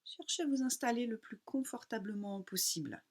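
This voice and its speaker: A woman with a slightly high voice teaches yoga nidra, calmly guiding a relaxation meditation. She speaks in short, unhurried phrases separated by pauses.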